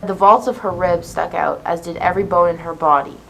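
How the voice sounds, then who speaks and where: A woman narrating a myth in a measured, vivid storytelling voice for a school play. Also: fairly low pitch, fairly even intonation, creaky, fairly bright tone, poor audio.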